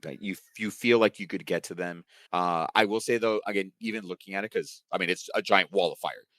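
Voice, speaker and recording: Low-voiced male game master, dry sound. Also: a little fast, no room sound. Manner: relaxed, filler-heavy narration. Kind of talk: narrating a tabletop game.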